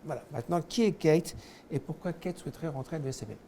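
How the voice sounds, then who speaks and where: A man's voice: on the high side, fast, dark tone, slight background noise. A man on an interview panel, introducing himself and asking the candidate questions. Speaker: school events manager, interviewer.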